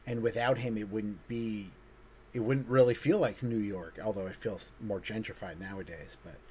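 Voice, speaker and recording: A man's voice: on the low side, moderate pace, warm tone, slight background noise. A man, an artist, chatting casually over a video call, rambling and hesitant with lots of fillers and restarts. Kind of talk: casual conversation.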